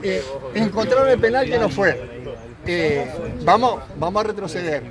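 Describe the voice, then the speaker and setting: An older man with a Rioplatense accent giving a halting, repetitive halftime team talk as an amateur football coach. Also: high-pitched. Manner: rambling, halting instructions with repetitions. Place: outdoors beside a football pitch. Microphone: phone a few steps away. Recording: outdoor phone recording with loud group chatter.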